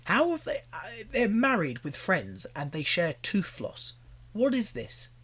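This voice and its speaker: A man's voice: sits high, wildly swooping pitch, a little slow, fairly bright tone, slightly rough. A young British man giving exasperated, ranting reaction commentary, pleading with the people on screen. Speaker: commentary YouTuber.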